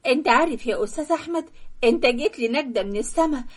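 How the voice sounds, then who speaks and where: A woman voicing a gentle, polite widowed businesswoman with an Egyptian accent in a cartoon story. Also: sits high, lively intonation, rapid-fire. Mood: worried. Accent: Egyptian Arabic.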